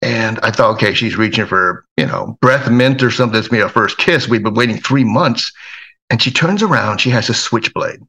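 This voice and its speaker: Relaxed middle-aged man telling his story. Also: lowish voice, a little fast, husky. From Hawaii. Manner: relaxed, rambling, with frequent fillers and chuckles. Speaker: guest, self-defense trainer. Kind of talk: casual storytelling.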